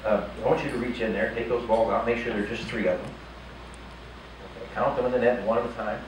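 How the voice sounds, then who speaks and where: In a noisy, echoey casino showroom, captured from a distance, an older male magician chats and jokes with volunteers from the crowd during his live patter. He speaks at a medium pitch, slightly fast, with fairly even intonation.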